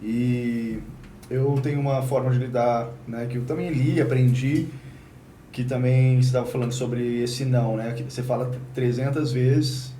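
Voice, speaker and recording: A man interviewing a guest in a relaxed, conversational way, sharing his own experience and asking questions. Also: mid-range voice, moderate pace. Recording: roomy, distant mic, faint noise.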